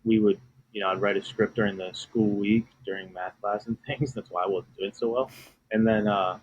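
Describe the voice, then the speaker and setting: A man's voice: fairly low pitch, fairly even intonation, normal speed, muffled recording, slight background noise. A man in his late twenties, an author guest on a podcast, telling his story in an eager, conversational way. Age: 20s. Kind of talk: casual podcast interview.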